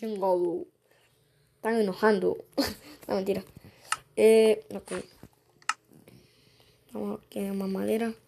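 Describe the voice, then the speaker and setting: A woman's voice: mid-range voice, little pitch movement, slow pace, gravelly, long pauses, warm tone, a little hiss or hum. A woman giving casual let's-play commentary, chatting to herself and chanting sing-song rhymes. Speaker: gaming youtuber.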